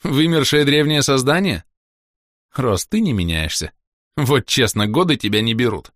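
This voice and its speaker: In a dry, studio-quality recording, a man voices a teasing young armored woman warrior who snorts at her friend. His natural, mid-range voice is pitched above his own, fairly bright, with lively intonation at a normal speed.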